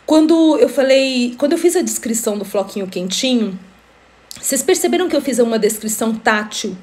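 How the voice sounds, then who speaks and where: High-voiced, chatty woman. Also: lively intonation, brisk, darkish tone. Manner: chatty, laughs often, greets viewers by name. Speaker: host of a live stream. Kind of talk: casual storytelling live stream.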